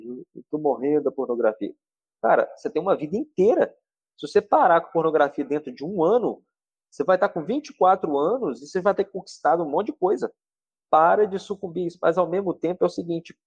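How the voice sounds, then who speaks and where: A man with a somewhat high voice talks in a fervent, exhorting way, like a preacher on a podcast. He pushes his points hard and speaks straight to the listener as a therapist guest. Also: a little mellow, husky, no room sound. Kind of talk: earnest podcast talk.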